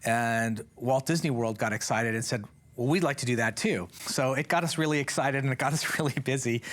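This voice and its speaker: A man's voice: mid-range voice, a little fast, fairly bright tone. A man speaking in a documentary interview as a theme park attraction designer.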